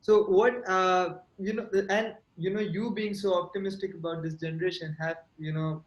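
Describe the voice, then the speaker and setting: A male interviewer with an Indian accent talks in a conversational, wordy manner. His voice sits a bit high. The recording is very echoey and somewhat dull. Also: fairly even intonation, normal speed. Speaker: interviewer, host. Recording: echoey room, dull muffled sound.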